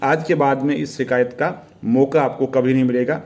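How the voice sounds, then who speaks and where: A man's voice: mid-range voice, fairly even intonation, moderate pace, a little mellow. A middle-aged man giving earnest study tips to exam candidates, often checking in with his listeners. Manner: earnest, advising, addresses viewers as friends, repeats tag questions. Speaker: exam preparation teacher. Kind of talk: motivational study-tips talk to camera.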